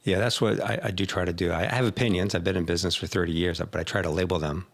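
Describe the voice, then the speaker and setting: Gravelly low-voiced man coaching, lively. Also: very fast. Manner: animated storyteller, acts out clients' voices, laughs often. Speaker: executive coach, podcast host. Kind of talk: casual conversation.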